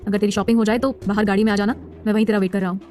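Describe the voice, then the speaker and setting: A woman's voice: mid-range voice, level tone, racing, a little mellow, faint music behind, natural voice. A woman voicing a young man who is bossy and brusque with his sister. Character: young man, a brother distracted and lovestruck.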